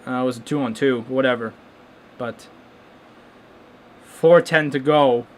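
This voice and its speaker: A young man hosting a live hockey watchalong, reacting casually and excitedly with lots of restarts and stunned exclamations. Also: mid-range voice, slow. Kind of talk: casual live game commentary.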